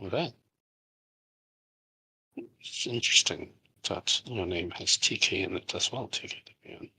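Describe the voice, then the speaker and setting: In a rough recording, a game studio founder reads and responds to questions from his community, casually and with many fillers and restarts. He is a middle-aged Cantonese native from Hong Kong whose deep, slightly slow voice is gravelly and husky yet bright and forceful.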